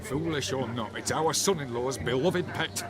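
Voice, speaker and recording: An actor playing a placating, practical village husband in a video game, with a dry, resigned folksy manner. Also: male voice, mid-range voice, normal speed, close to an everyday voice. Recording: game music under outdoor voice.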